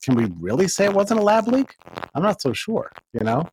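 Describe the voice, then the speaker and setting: A man's voice: sits high, sing-song, a little fast, a little mellow. A man speaking as a guest in a remote interview over a crackling, distorted USB microphone, making his points emphatically and asking rhetorical questions.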